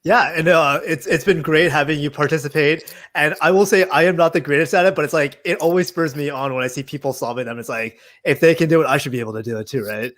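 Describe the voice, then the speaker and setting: With a fairly high, fairly bright voice, this man talks fast and barely pauses. He's the host of a Python meetup livestream on a video call, keeping the interview friendly and loose with many "uh"s and "like"s.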